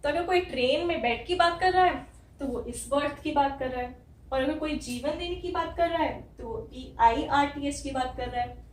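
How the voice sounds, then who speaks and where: An Indian woman teaching an English lesson, spelling out sounds letter by letter in a slow, careful way. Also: high voice, echoey room, far from the mic, rough recording. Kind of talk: spoken language lesson.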